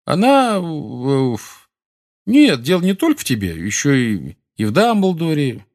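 A man voicing a nervous, hot-tempered teenage boy who shouts in agitation. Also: fairly high pitch, wildly swooping pitch, measured pace, voice pushed up, full character voice.

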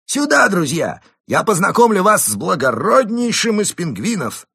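A man's voice: high-pitched, big pitch swings, normal speed, a bit bright, breathy edge, no room sound, studio quality, voice pushed up, exaggerated voice. A man voicing a boastful, scheming male ferret swindler who talks grandly and pushes hard. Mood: pompous. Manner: grandiose, pushy.

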